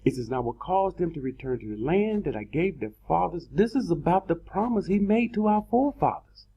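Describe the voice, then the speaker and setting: A man's voice: fairly high pitch, dark tone, breathy edge. A man preaching in a sermon style, stressing words by stretching them out and repeating phrases. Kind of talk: sermon-style scripture teaching. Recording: dull lo-fi recording.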